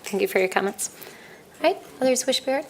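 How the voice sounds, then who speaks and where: A woman chairing a city meeting, moving through procedure in a brisk way. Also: a little high, lively intonation, a little mellow, a little hiss or hum. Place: city commission chamber.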